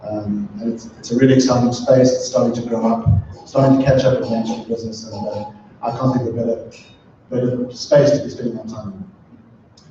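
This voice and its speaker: A middle-aged man from southern Africa, speaking as a panel guest and often pausing with ums and restarts. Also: medium pitch, fairly even intonation, background noise. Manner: thoughtful, many ums and restarts. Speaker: panel guest, sustainability consultant. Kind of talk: talk at a live event. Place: event room with an audience. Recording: echoey, distant, muffled room recording.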